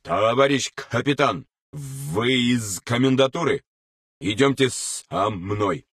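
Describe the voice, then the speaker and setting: A man's voice: medium pitch, expressive, takes it slowly, vocal fry, a bit bright, slightly rough, no echo, studio quality, heavily acted. A man voicing a shy young soldier who stammers as he speaks. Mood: hesitant. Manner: stammering, hesitant.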